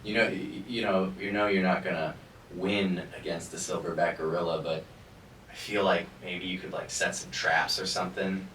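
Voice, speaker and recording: A man's voice: sits low, level tone, moderate pace, a bit bright. A man hosting a podcast, chatting in a laid-back way and swearing casually. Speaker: podcast host. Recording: roomy, distant mic, faint noise.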